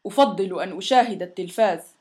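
A woman's voice: medium pitch, fast, voice pushed down, lightly acted. A woman voicing a big, sulky, sick male monster in a storybook reading, whiny and complaining. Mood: grumbling. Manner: whiny and complaining, loud when shouting demands.

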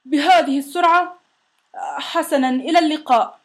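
A woman's voice: fairly high pitch, brisk, lightly acted. A woman voicing a big, sulky, sick male monster in a storybook reading, whiny and complaining. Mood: demanding loudly. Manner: whiny and complaining, loud when shouting demands.

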